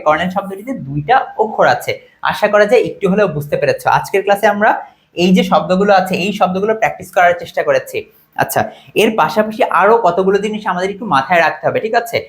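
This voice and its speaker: Fast-talking high-voiced male teacher. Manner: quick, questioning, counts items aloud. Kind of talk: online exam-prep lesson.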